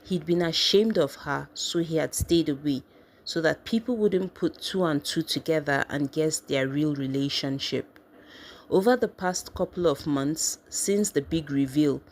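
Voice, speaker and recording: Low-voiced woman narrating a story.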